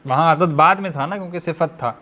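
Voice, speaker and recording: A man's voice: fairly high pitch, a little fast, bright, forceful tone. Methodical male teacher quizzing his online class. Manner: quizzes the class with repeated rhetorical questions; patient, methodical explaining.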